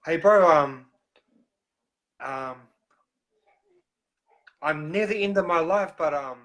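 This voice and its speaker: A man with a broad New Zealand accent hosting a live stream, talking casually and haltingly with frequent pauses. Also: fairly high pitch, a bit bright, low-quality recording. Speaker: host of a recovery live stream.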